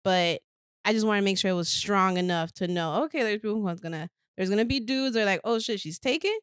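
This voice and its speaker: A woman in a casual podcast chat, animated, acting out what other people say and laughing often. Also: medium pitch, quick pace, clear, resonant tone, no room sound, clean studio sound. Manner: animated, acts out quoted voices, laughs often.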